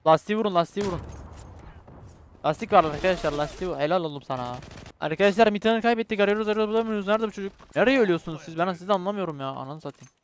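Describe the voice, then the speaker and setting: A young man with a Turkish accent narrates his own shooter gameplay as a gaming YouTuber, his voice sitting high and coming out rapid-fire over slight background noise. He's excitable and swears a lot, trades jokes with his teammates, and begs viewers to subscribe.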